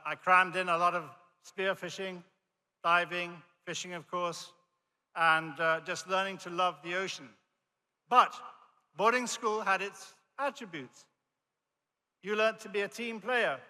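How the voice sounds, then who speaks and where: An older Jamaican man with a Jamaican accent gives a commencement speech from a podium in a large, reverberant hall. His voice is high and sharp, and his manner friendly, storytelling, and self-deprecating.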